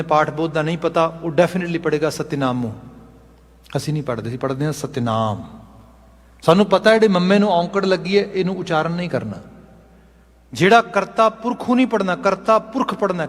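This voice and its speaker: A man preaching to a congregation, explaining points step by step and dropping English phrases into his sermon. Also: on the high side. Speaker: Sikh preacher. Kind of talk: sermon lecture. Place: gurdwara hall. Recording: long hall reverb.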